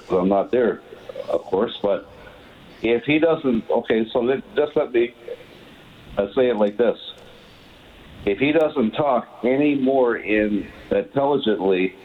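A man calling in to a sports radio show, talking haltingly with many fillers. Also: lowish voice. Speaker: caller. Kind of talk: call-in radio. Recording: tinny phone line.

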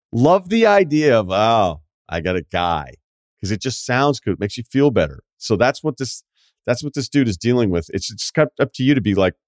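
Animated man hosting a podcast. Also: medium pitch, no echo, clean studio sound. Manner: animated, reads listener mail aloud. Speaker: podcast host. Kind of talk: casual chat.

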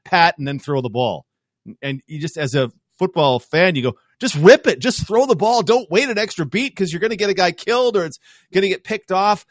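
Animated man breaking down football. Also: mid-range voice, dry recording, clean studio sound. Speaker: football analyst guest. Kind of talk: casual sports talk.

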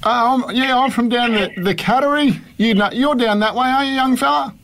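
A man's voice: very high voice, a little fast, a bit bright. A man voicing a friendly country sheep farmer on a prank phone call, with a laconic, hesitant Australian drawl. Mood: matey, hesitant. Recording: phone call played on radio.

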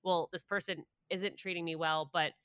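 A woman in her late twenties hosting a podcast interview, candid and self-deprecating, and quick to laugh. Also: lowish voice, fairly even intonation, a bit bright, clean tone, dry recording, clean studio sound. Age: 20s. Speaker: podcast host. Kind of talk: casual interview chat.

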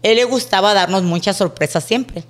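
A woman's voice: mid-range voice, moderate pace. A middle-aged woman, a podcast guest telling childhood stories casually and acting out the dialogue. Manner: animated, acts out quoted dialogue. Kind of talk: casual storytelling.

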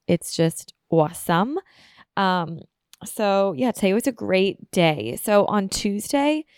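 Here the solo podcaster, a woman in her twenties with a slight cold, chats casually and rambles with lots of fillers. Her voice is fairly low and a touch mellow, with vocal fry, captured in studio quality with no room sound.

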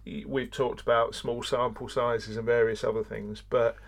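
Man, thoughtful deadpan co-host. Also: mid-range voice, moderate pace, vocal fry. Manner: deadpan joking, thoughtful hesitant analysis. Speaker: podcast co-host. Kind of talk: casual football analysis chat. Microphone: remote call.

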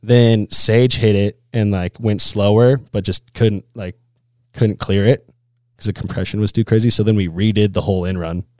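A man's voice: fairly low pitch, fairly even intonation, normal speed, a little mellow, no room sound. A man telling stories in a casual, laid-back way as an interview guest, full of snowboarder slang, with "like" and "dude" all through. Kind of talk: casual chat, storytelling.

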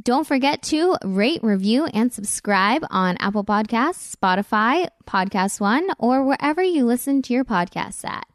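A woman's voice: on the high side, animated, a little slow, few pauses, no echo, studio quality. A woman hosting a podcast in a casual, eager and chatty way. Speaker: podcast host.

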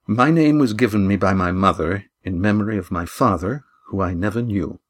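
A man's voice: lowish voice, normal speed, close to an everyday voice. Man reading as a young man, earnest, firm, proud, audiobook voice.

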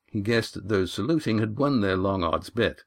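A man reading a fantasy novel aloud as an audiobook narrator, in steady scripted narration. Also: on the low side, moderate pace, vocal fry.

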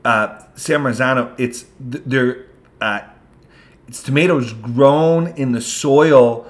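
A man's voice: mid-range voice, takes it slowly. A man co-hosting a podcast in casual chat, playful and laughing often, with lots of ums and restarts. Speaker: podcast co-host.

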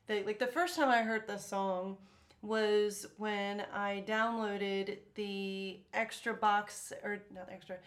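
A woman with an American accent in a casual music discussion, talking in an animated way. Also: mid-range voice. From United States. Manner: animated, breaks into sung syllables to illustrate. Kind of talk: casual chat about folk music.

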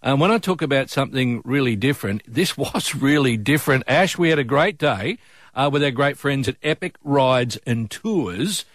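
A man's voice: medium pitch, expressive, moderate pace, a bit bright, no echo. A middle-aged Australian man hosting breakfast radio, with a chummy, colloquial, upbeat presenting style. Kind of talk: upbeat commercial radio presenting with casual banter. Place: radio studio. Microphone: close studio microphone.

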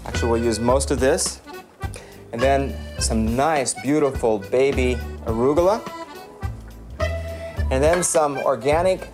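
A man's voice: medium pitch, unhurried, pauses often. A man working as a chef, explaining a dish step by step and addressing his learner directly. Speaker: chef giving a cooking demonstration. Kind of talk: step-by-step instructional talk. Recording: music under the voice. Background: background music with guitar.

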